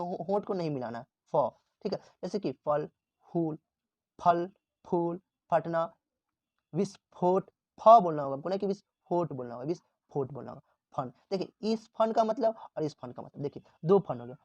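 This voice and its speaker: A man's voice: on the high side, a little mellow, no room sound, lo-fi sound. A male teacher giving a classroom lesson. He repeats words and asks the class questions, then answers them himself.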